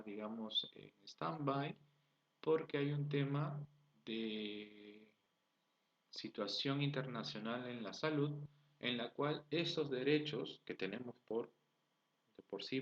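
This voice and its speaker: Man, peruvian accent, teacher lecturing, rhetorical questions, dull lo-fi sound. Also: medium pitch. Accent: Peruvian Spanish. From Peru. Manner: explains step by step, asks rhetorical questions, checks in with "¿sí?". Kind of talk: recorded online class lecture. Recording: dull lo-fi recording.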